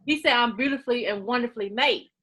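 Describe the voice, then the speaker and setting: Earnest and slightly preachy, a woman in her late forties repeats herself while making points as a casual interview guest. She is naturally loud, her voice on the high side, talking fast over a rough recording.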